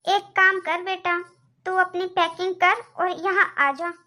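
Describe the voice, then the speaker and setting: A woman's voice: very high voice, flat delivery, measured pace, sharp tone, heavily acted. A woman voicing a worried, protective middle-aged mother in a cartoon. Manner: worried, fussing. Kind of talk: cartoon voice acting.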